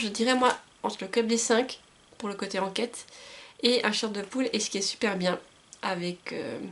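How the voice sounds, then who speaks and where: A young woman giving casual book recommendations to camera, chatty and hesitant with frequent fillers and self-corrections. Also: mid-range voice. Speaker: book vlogger. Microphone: camcorder microphone.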